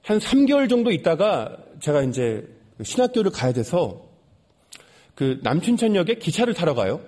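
Earnest husky man telling a testimony. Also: high-pitched, big pitch swings, moderate pace. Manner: earnest, repeats lines for emphasis, drops soft on sad moments. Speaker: preacher giving testimony. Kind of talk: sermon testimony storytelling.

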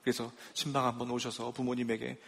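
A man's voice: medium pitch, little pitch movement, fast talker, vocal fry, a bit bright, slightly rough, long reverb tail. A male pastor preaching a sermon, driving his points home with emphatic rhetorical questions to the congregation. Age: young adult or middle-aged father.

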